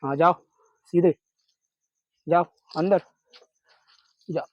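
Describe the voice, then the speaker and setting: A young man works a snake rescue outdoors at night, his fairly high voice dropping to a soft coaxing murmur as he calms the animal. The recording is dry and slightly dull. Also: very slow, no echo. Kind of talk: narrating a live snake rescue.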